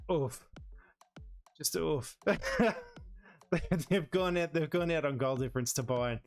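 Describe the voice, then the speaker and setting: A man commentates casually on a football management game, reading out results in a conversational way with wry exclamations. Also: a little high. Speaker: host of a gaming series.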